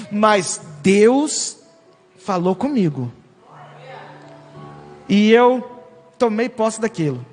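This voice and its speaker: A man with a Brazilian accent, a worship leader giving an emotional, animated testimony in a church. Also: high voice, drawn-out words, pauses often, soft background music. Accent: Brazilian Portuguese. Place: church hall. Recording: reverberant church hall.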